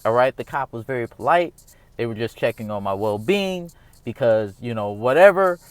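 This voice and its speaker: A man's voice: mid-range voice, animated, moderate pace, smooth, dry recording. Earnest rambling man in his thirties. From United States. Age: 30s. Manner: earnest, rambling, emphatic, repeats "all right?". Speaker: vlogger. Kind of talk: casual opinion monologue.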